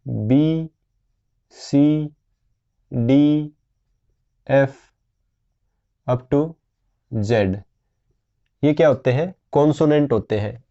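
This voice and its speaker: Slow, patient man teaching grammar. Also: mid-range voice, warm tone, muffled recording. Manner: slow, patient explaining with frequent questions to students. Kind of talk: grammar lesson.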